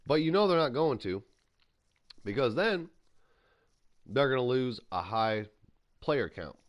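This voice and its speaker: In an unhurried, medium-pitched voice, a gaming channel host plays and eats while offering casual commentary. He rambles, shares strong opinions, and slips into animated rants.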